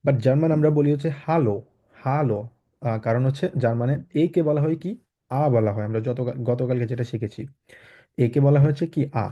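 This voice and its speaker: A man from Bangladesh teaches a German class online, explaining patiently with many fillers and blending English and German words. His medium-pitched voice is mellow and brisk. The video call audio is dull and lo-fi.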